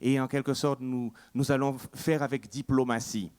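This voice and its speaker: A man's voice: medium pitch, steady tone, moderate pace, darkish tone, smooth, pitched below the performer's own voice, close to an everyday voice. A man voicing a solemn Haitian astronaut who leads the mission, speaking in a grave, ceremonious way.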